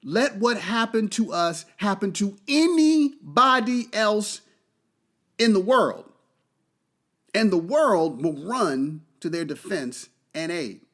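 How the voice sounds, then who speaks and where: Fiery, high-pitched man on a podcast. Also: animated, takes it slowly, a bit bright. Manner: emphatic, profane, repeats key phrases for force. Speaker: podcast host. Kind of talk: impassioned monologue.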